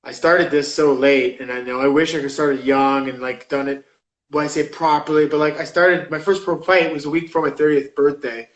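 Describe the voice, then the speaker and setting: A professional fighter in his thirties talks in a fairly high, steady voice at a fairly quick pace during a casual interview. He rambles with lots of likes and uhs, captured in a roomy, lo-fi recording.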